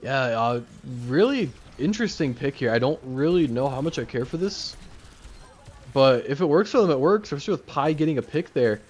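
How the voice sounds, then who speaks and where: A man's voice: mid-range voice, lively intonation, a little fast, a little mellow. A man casting an esports match as play-by-play commentator, joking and laughing between calls. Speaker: esports caster.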